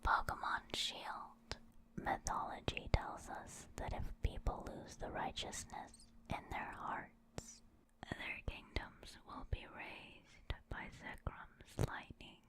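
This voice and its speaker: An ASMR creator, a woman, reads short encyclopedia entries in a soft, soothing and unhurried manner, repeating words.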